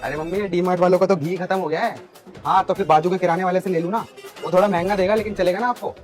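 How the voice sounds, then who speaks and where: A man playing a sly son who makes quick excuses to pocket the errand money. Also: high voice, fairly even intonation, music in the background, lightly acted.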